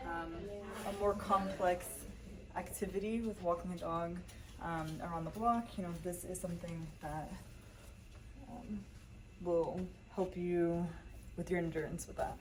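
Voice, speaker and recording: A woman's voice: lowish voice, fairly even intonation, a little slow, a little mellow, echoey room, recorded from a distance. A woman working as a home health therapist, guiding a patient through exercises with patient, encouraging instructions and frequent fillers. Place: home kitchen and pantry.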